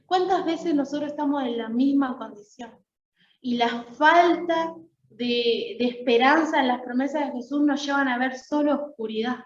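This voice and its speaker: High-voiced woman preaching in an echoey church. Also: moderate pace. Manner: conversational preaching, often checks in with "¿sí?". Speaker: lay preacher. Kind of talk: Easter week sermon. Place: church sanctuary. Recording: echoey, dull church sound.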